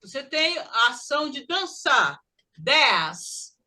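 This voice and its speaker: A woman with a Brazilian Portuguese accent teaching an English pronunciation lesson, lively and drilling words slowly for students to repeat. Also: high-pitched.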